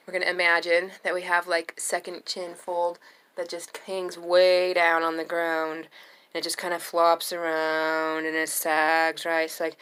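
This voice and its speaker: Bright, clear-voiced woman teaching singing. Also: on the low side. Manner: explains slowly, then sings demonstration notes. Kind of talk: vocal lesson with demonstrations.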